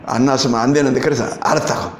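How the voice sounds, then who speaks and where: Korean pastor preaching in an echoey hall. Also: male voice, mid-range voice, racing, slight background noise. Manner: storytelling with rising emphasis and rhetorical questions. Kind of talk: sermon.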